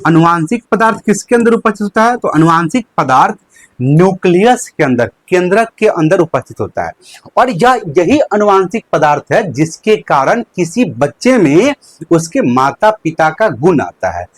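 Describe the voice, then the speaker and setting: A man's voice: high voice, sing-song, normal speed, no echo. A young man teaching a live online lecture, asking questions and answering them himself and repeating key terms. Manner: uses a handkerchief as a prop.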